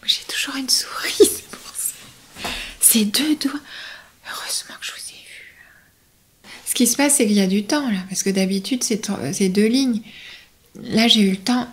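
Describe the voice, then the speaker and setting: A woman voice-over announcer chatting playfully in an interview, often dropping into breathy whispered asides. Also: fairly high pitch, a little slow, long pauses. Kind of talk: relaxed interview chat.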